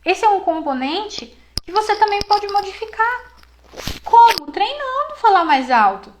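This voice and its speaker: A woman with a high, light voice leads a live online class as a psychologist. She talks in an encouraging, lively way and drops in plenty of casual fillers as she coaches the students. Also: measured pace, background noise.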